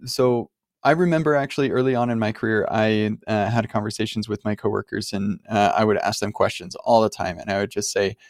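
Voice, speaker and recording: A man hosts a podcast and answers a caller in a friendly, reflective manner, often thinking aloud. His voice sits fairly low. The sound is dry and close to the mic. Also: fairly even intonation, a little fast, no echo. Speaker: podcast host.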